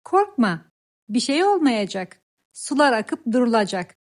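A woman's voice: fairly high pitch, very animated, measured pace. A woman voicing a wise, kind grandmother frog who soothes the young ones in a children's story. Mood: soothing. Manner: soothing, reassuring.

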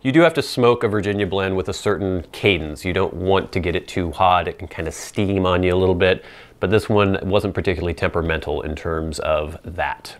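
Man, thirties or forties, low-pitched voice, casual reviewer, measured explanations, playful asides. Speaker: pipe tobacco reviewer. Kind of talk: informal product review to camera. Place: small indoor set with plain backdrop. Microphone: lapel mic.

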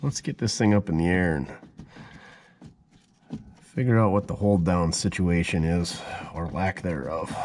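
Male mechanic host, low voice, lively swings, self-mocking asides, head-cam in a garage. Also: a little hiss or hum. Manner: joking, self-mocking, muttering to himself while working. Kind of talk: casual first-person workshop narration.

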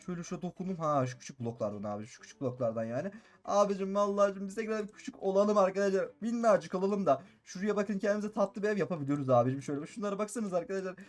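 A man playing a Minecraft role-play and commenting excitedly, repeating his phrases and constantly addressing viewers. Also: sits high, very fast. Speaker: gaming YouTuber.

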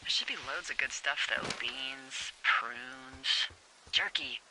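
A woman's voice: very deep voice, slow, background noise. A woman voicing a teasing, dry-humored fire lookout supervisor talking over a radio in a video game. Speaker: game character.

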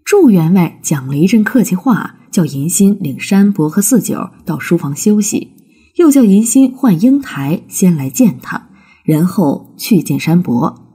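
Brief: woman narrating a folk storybook, slow and lively in pitch, mellow husky tone. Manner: slow, expressive reading.

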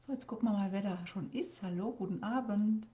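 A woman's voice: mid-range voice, a little fast, dark tone, dull audio. A woman speaking as a life coach on a live stream, asking viewers lots of questions and often repeating words and restarting her sentences.

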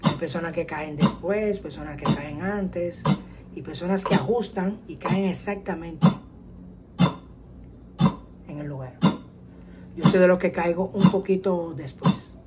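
A woman teaching a guitar lesson, explaining calmly step by step and counting rhythms out loud. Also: on the low side, slow, long pauses, heavy background noise. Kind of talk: casual music lesson. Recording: guitar and metronome playing behind. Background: guitar playing and metronome clicks.

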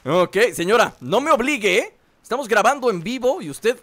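A man's voice: sits high, big pitch swings, normal speed, fairly bright tone. A man with a Latin American Spanish accent, joking and exclaiming his way through live gameplay commentary. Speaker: gaming video host.

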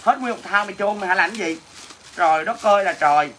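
A woman's voice: mid-range voice, fast, fairly bright tone, slight background noise. A woman with a Southern Vietnamese accent hosts a casual livestream sale, teasing viewers with brash, crude jokes as she answers comments. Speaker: livestream host selling goods. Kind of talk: casual livestream sales chat.

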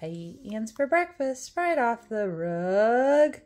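A woman with a slightly high, sing-song, somewhat mellow voice reads a children's picture book aloud at storytime. She hams it up playfully, with exaggerated mock dismay, dramatic drawn-out words, and whispers.

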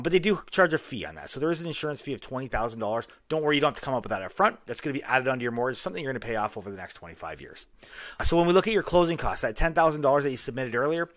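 Brisk, upbeat man walking through numbers. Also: mid-range voice, a bit bright, no echo, clean studio sound. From Canada. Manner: brisk, salesy, explanatory. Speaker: mortgage agent. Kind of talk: screen-share walkthrough.

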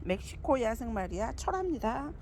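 A woman's voice: fairly high pitch, big pitch swings, normal speed, darkish tone, slight background noise. A woman presenting succulents for sale, counting off lot numbers, sizes and prices in a chatty, doting way. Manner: chatty, doting, calls plants "아이". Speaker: succulent seller. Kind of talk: live sales presentation.

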